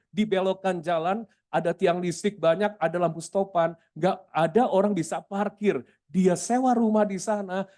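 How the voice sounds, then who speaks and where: A middle-aged man, a pastor telling stories in a sermon and often addressing the congregation. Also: high voice. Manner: lively storyteller, keeps addressing the congregation. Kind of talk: sermon storytelling.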